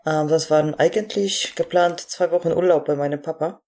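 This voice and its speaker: A woman's voice: deep voice, fairly quick, mellow. A woman, a podcast guest talking casually with many hesitations. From Poland. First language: Polish. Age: 20s. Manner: hesitant, many fillers, laughs easily. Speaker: guest athlete and coach.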